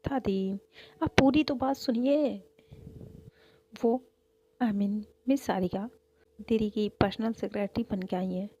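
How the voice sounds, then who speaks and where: A woman voicing a playful young man who pleads and teases in a whiny, excitable way, in a slightly dull lo-fi recording. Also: mid-range voice, takes it slowly, long pauses, a little hiss or hum, natural voice. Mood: explaining.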